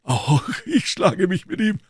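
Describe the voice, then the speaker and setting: A man's voice: sits high, sing-song, slow, husky, no room sound, studio quality, voice pushed up, exaggerated voice. A man doing a huge blustering musketeer.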